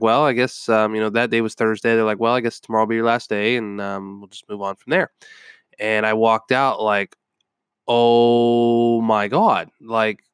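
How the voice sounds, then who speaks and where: Congested from a cold, a young man tells a rambling personal story on his podcast, filling pauses with ums. The voice sits on the low side yet sounds fairly bright, clear and resonant, and the studio recording is dry and clean.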